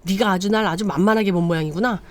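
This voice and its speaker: A woman's voice: mid-range voice, fast talker, close to an everyday voice. A woman voicing an arrogant, condescending elder brother while retelling a drama story.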